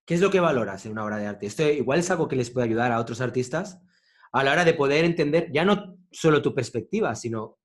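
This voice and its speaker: Un entrevistador relajado que se ríe a menudo. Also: male voice, medium pitch, quick pace. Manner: relaxed, laughs along, asks follow-up questions. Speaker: interviewer, host. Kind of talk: casual interview chat.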